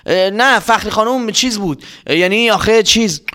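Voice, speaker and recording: A man's voice: high-pitched, pushed and bright, voice pushed up. A man voicing a frightened young boy who stammers and panics. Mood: defensive. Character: frightened young boy, jumpy and fast-talking.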